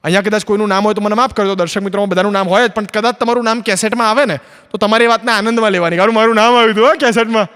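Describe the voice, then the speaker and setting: Fast-talking man doing stand-up. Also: high-pitched, fairly even intonation, fairly bright tone, smooth. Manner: acts out both sides of dialogues in his stories. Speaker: stand-up comedian. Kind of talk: stand-up storytelling on stage. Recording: long hall reverb from an auditorium.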